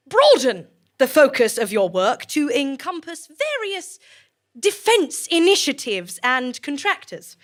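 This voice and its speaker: A woman speaking in a high register with a fairly bright tone plays the formal, composed director of a sinister research facility. In this audio drama she addresses her staff with measured, officious speeches.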